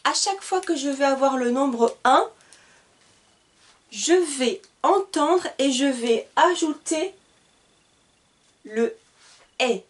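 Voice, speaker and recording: A woman gives a beginners' class at the board. Her voice sits high and bright, and she speaks unhurriedly, pausing after nearly every word and over-articulating each sound for her students. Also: expressive. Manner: slow, deliberate, over-articulated teaching. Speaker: French teacher. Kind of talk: slow classroom lesson at a whiteboard.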